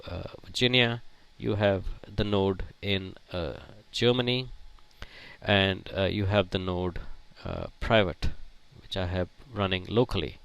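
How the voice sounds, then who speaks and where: Male tech instructor, slightly low and resonant, halting delivery full of fillers. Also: steady tone, vocal fry, a bit bright, smooth, no echo. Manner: halting, many fillers and restarts. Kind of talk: technical lecture.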